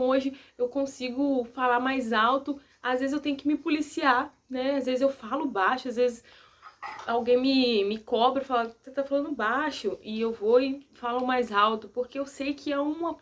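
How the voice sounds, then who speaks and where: A young woman vlogger giving casual advice to the camera, soft-spoken, gentle and earnest. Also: sits high.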